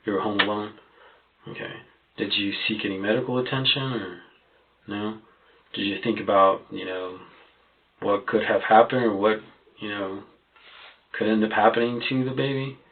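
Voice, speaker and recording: A man's voice: lowish voice, steady tone, normal speed, pauses often. A man questioning someone in a police interview, probing and repeating answers back as questions. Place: police station interview room. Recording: muffled phone-like interrogation recording, clicks, noise.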